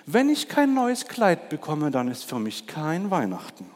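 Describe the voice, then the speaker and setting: A man voicing a vain peacock who whines for a new dress, in a high, drawn-out, pleading voice, as part of a fable told in a sermon. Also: wildly swooping pitch, full character voice. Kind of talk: telling a children's fable in a sermon. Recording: long church reverb.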